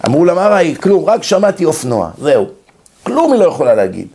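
A man's voice: huge pitch swings, mellow, slightly rough. A man giving a lecture, telling stories and acting out quoted dialogue as he goes. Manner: storytelling, acts out quoted dialogue with shifts in pitch. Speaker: religious lecturer. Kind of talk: lecture on the mind and soul.

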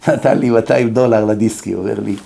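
A rabbi giving a religious lecture, telling anecdotes and asking rhetorical questions. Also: male voice, fairly low pitch, fairly even intonation, gravelly, dark tone. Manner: storytelling, acts out quoted people, rhetorical questions.

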